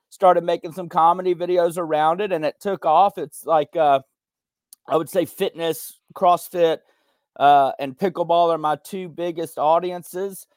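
Earnest man, somewhat high voice, dry sound. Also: darkish tone, no room sound. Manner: earnest, reflective, many fillers like "you know". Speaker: podcast guest, veteran and content creator. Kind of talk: candid conversational interview.

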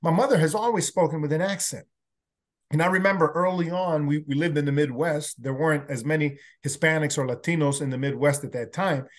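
A workplace learning consultant, originally from El Salvador and a native Spanish speaker, is interviewed casually on a podcast, where he talks earnestly with a faint accent. His fairly high voice moves a little fast, and he often breaks off to restart what he's saying.

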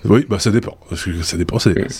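A man, hosting a casual podcast and talking in a relaxed, hesitant way to viewers. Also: lowish voice, fast talker, very noisy. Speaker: host.

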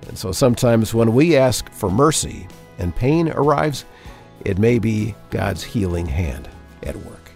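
A man hosting a faith podcast, reading an earnest, measured segment introduction close to the mic. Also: lowish voice, lively intonation, gravelly, a little mellow, soft background music. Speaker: podcast host.

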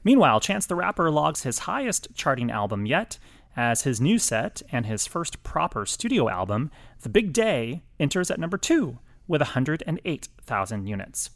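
A man co-hosting a music podcast, reading chart news with wry, animated delivery. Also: on the high side, normal speed, gravelly, no room sound, studio quality. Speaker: podcast co-host.

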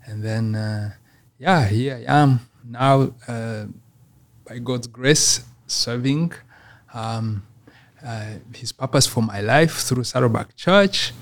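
Measured Rwandan man, middle-aged. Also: medium pitch. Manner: measured, many filler "uh"s, list-like phrasing. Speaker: church missions coordinator. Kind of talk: interview guest.

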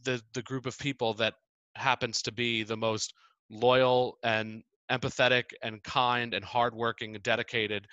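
A man with a bright, forceful voice speaks enthusiastically in a conversational interview. He halts often and fills the gaps with ums and little giggles. The sound is close and dry. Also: medium pitch, flat delivery, clean tone, dry recording, muffled recording. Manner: halting, enthusiastic, giggly, many fillers.

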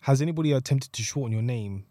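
A man's voice: medium pitch, fast talker, dark tone, no echo, studio quality. A man co-hosting a casual podcast, repeating phrases for emphasis. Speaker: podcast co-host. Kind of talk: casual group podcast chat.

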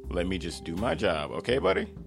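Man doing a cocky crude translator, deep voice, lively swings, faint music behind. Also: fairly quick, creaky, heavily acted. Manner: cocky, crude, loose street talk. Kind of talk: audio drama acting.

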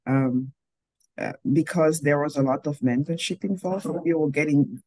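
The recording is low quality but free of room sound, carrying a warm, low-pitched woman's voice at normal speed. She's a filmmaker from Cameroon in her forties, a guest answering interview questions by video call, pondering her words and often restarting sentences.

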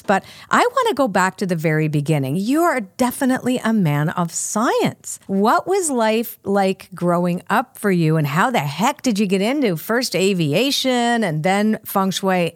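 A woman's voice: mid-range voice, no echo, studio quality. A woman hosting a podcast, introducing her guest and asking questions with enthusiastic emphasis. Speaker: podcast host.

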